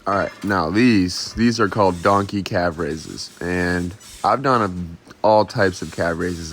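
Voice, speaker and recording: A man's voice: sits low, a little hiss or hum. A young man, a fitness vlogger, giving casual commentary on a workout.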